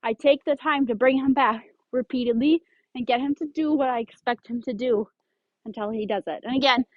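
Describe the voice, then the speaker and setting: A woman's voice: sits high, no echo, dull audio. A woman dog trainer explaining leash handling step by step, giving firm short commands to a dog. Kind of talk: instructional demonstration.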